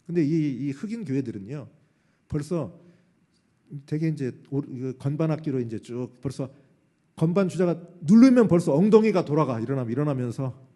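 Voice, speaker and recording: A middle-aged male pastor delivers a sermon in a church sanctuary, with a slightly raised pitch but a deep, very dark and mellow tone. He moves between loud, ringing calls and quiet, low asides. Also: animated, moderate pace.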